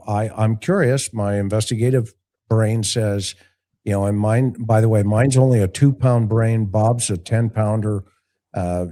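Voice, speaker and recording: On a live call-in show, a male talk show host and investigator offers casual, opinionated commentary, blunt and folksy with rhetorical asides. His voice is on the low side with a dark tone.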